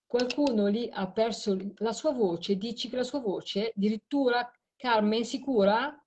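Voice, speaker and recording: A tired woman hosts a late live stream about spirit voice recordings, talking with a caller as she replays audio clips. Her voice is on the high side and darkish, at normal speed.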